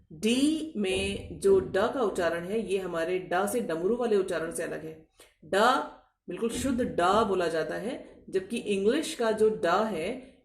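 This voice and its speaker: A woman's voice: medium pitch, darkish tone, recorded from a distance. A woman teaching English pronunciation in a video lecture, explaining patiently and asking back key words before repeating them. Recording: echoey room, voice off-mic.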